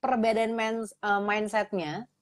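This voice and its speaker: A woman's voice: medium pitch, steady tone, slow pace. A woman hosting a casual interview, attentive and affirming, reading out viewer questions. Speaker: host.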